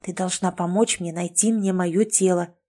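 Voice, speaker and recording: A woman's voice: fairly low pitch, steady tone, normal speed, mellow, natural voice. Woman reading a grumpy young man stuck in a kitten. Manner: grumpy, condescending. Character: young man trapped in a kitten's body, touchy. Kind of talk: audiobook dialogue reading.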